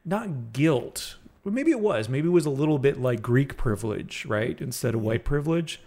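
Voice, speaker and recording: A man in casual conversation, telling a personal story in a reflective, halting way with frequent restarts. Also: mid-range voice, lively intonation, a little mellow.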